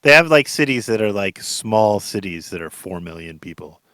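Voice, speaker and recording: A man's voice: fairly low pitch, animated, moderate pace, pushed and bright, clear, resonant tone. Laid-back man co-hosting a podcast. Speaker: podcast co-host. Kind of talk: casual chat.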